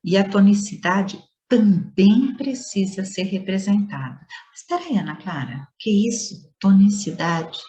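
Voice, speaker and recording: A woman's voice: mid-range voice, sing-song, unhurried, mellow. A woman teacher giving a playful lesson to schoolchildren, stretching words and leaning hard on stressed syllables.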